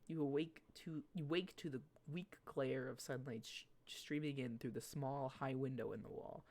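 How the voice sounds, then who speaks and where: A woman streamer reading a dating-sim game's text aloud, breaking off to joke and tease the characters. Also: rumbling low. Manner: animated and jokey, quick to tease the characters.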